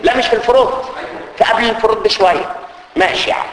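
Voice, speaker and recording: Animated Egyptian man lecturing in an echoey hall. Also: very high voice, rapid-fire, creaky. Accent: Egyptian Arabic. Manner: animated and joking, mixes English audit terms into Arabic. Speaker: internal audit course instructor. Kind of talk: lively classroom lecture. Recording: echoey hall with faint ambience.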